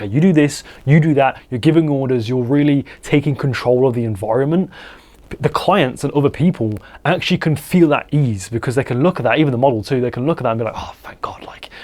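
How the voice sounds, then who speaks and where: A young man, a portrait photographer, giving casual advice to camera in a rambling way full of fillers and restarts. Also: darkish tone. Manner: acts out quoted voices with pitch jumps.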